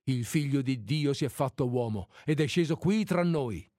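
Casting: man reading as a fervent old priest, agitated, pleading, lively pitch, dry close sound. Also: moderate pace, no room sound, close to an everyday voice. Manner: pleading, rising to anger. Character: agitated elderly male village priest.

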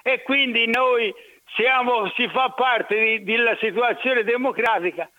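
A man argues his point hotly on a call-in show. His voice is notably high for a man. It comes through a thin, phone-like landline sound. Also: measured pace. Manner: heated, argumentative. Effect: over a landline phone. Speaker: radio call-in caller. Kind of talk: phone-in talk radio. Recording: narrow tinny phone line.

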